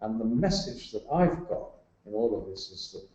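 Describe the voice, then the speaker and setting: A man's voice: lowish voice, sing-song, normal speed, a little mellow. A man speaking as a guest on leadership, building emphatic lists of examples with some fillers. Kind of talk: explanatory talk. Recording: roomy, muffled sound.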